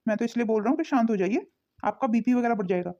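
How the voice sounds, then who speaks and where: A woman voicing a calm adult son in a cartoon, gentle and reasoning. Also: on the high side, rapid-fire, muffled recording. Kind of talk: cartoon voice acting.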